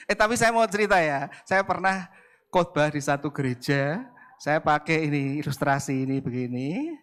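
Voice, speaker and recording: High-voiced Indonesian pastor telling jokes. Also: male voice, a bit bright. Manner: playful, acts out quoted voices. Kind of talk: humorous sermon storytelling.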